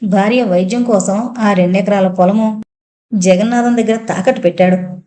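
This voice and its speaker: A woman voicing a calm, kindly country lawyer who tells a story in an unhurried way. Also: medium pitch, natural voice.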